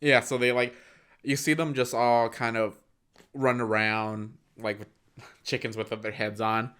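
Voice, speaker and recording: A man's voice: medium pitch, level tone, measured pace, fairly bright tone, clean tone. A young man co-hosting a movie podcast, easygoing as he recaps scenes with fillers. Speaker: podcast co-host. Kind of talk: casual movie review chat.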